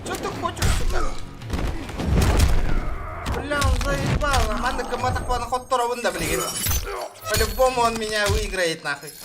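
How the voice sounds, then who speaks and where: A man streaming a game with excited, casual commentary, profane and exclamatory, over game music. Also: extremely high pitch, normal speed, long pauses. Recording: loud game music behind the voice.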